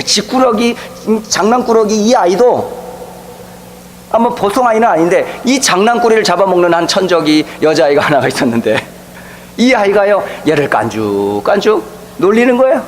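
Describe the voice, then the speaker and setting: High-voiced Korean pastor telling a story. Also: male voice, slight background noise, rough recording. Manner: storytelling preacher, acts out the people he quotes. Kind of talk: sermon. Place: church sanctuary.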